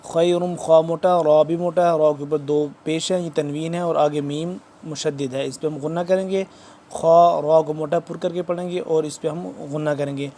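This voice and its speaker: Male Quran teacher, Pakistani Urdu accent; higher-pitched, soft mellow tone; brisk explanation broken by slow, drawn-out recitation. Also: steady tone, a little hiss or hum. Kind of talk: tajweed lesson, spelling out letters.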